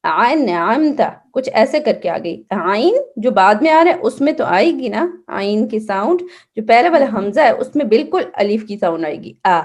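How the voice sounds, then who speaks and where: A woman with a slightly high, somewhat mellow, animated voice teaches Quran and Seerah to children online. She patiently corrects their recitation and checks in with them often.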